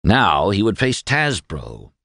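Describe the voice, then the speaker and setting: A man narrating a novel in a grave, measured manner, his voice sitting low. The pitch moves a lot to carry the tension. Recorded close and dry. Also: huge pitch swings, vocal fry, a bit bright, no room sound. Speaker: audiobook narrator. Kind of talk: scripted narration.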